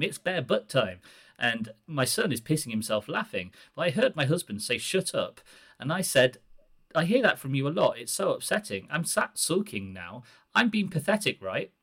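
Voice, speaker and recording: Man, podcast host, reads posts aloud, measured and earnest. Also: medium pitch, a bit bright, slightly rough. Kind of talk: hosting and reading listener posts aloud.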